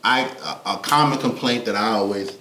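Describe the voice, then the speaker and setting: A man's voice: lowish voice, a little fast. A man co-hosting a podcast, talking in a laid-back, reflective way with loose, rambling thoughts. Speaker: podcast co-host. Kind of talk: casual podcast chat. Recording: echoey room with faint background noise.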